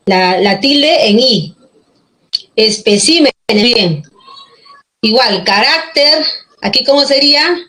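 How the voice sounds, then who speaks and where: A woman teacher with a Peruvian Spanish accent and a somewhat high voice. She explains step by step, patiently, and keeps checking that her students follow along. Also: lively intonation, takes it slowly, bright, forceful tone, rough recording. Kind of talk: online class on accent marks.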